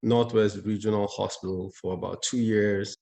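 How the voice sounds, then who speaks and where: A man from Cameroon, a cardiologist guest, speaking in a measured way and repeating words as he thinks. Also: on the low side, steady tone, vocal fry, darkish tone. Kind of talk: conversational interview.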